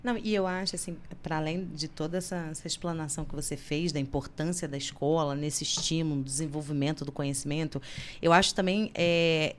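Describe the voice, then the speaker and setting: A woman teacher, telling classroom stories in a relaxed podcast chat, emotional and lively. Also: low-pitched, a little fast, a little hiss or hum. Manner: animated storyteller who gets emotional.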